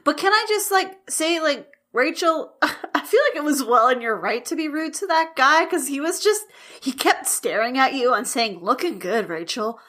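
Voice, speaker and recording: A woman co-hosting a casual book-discussion podcast. Her voice sits a little high and sounds bright and sharp. She talks bluntly and with exasperation, swearing freely. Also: expressive, moderate pace, few pauses. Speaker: podcast co-host.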